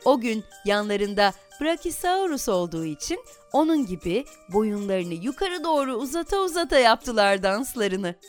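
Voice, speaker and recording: A woman reading a children's story aloud in an expressive, animated storytelling manner. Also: a little high, moderate pace, few pauses, soft background music.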